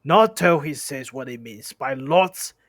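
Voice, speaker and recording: A man voicing a mean, suspicious male troll who sneers and quarrels loudly. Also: mid-range voice, expressive, measured pace, no echo, clean studio sound. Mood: menacing.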